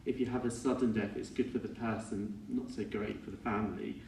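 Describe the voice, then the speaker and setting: A middle-aged man giving an informal funeral speech as a son, halting and reflective, often correcting himself as he goes. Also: on the low side, steady tone, creaky, a little mellow. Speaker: son giving a eulogy for his father. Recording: echoey room, distant mic, faint noise.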